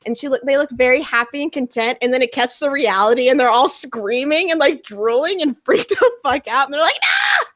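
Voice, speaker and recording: A woman's voice: high-pitched, fairly quick, few pauses, fairly bright tone. A young woman co-hosting a casual group podcast, talking with enthusiasm and laughing often. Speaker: podcast co-host.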